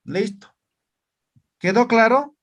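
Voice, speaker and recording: A man's voice: very high-pitched, takes it slowly. A man teaching an online class in Spanish and Aymara, often checking whether his students follow. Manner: asks frequent check questions.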